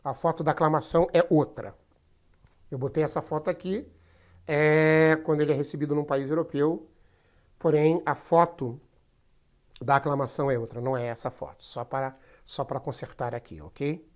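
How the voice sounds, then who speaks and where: A woman's voice: deep voice, steady tone, normal speed, a little mellow. A woman, teaching a history lesson over slides in a chatty, step-by-step way, often addressing her students directly. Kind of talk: recorded class lecture over slides.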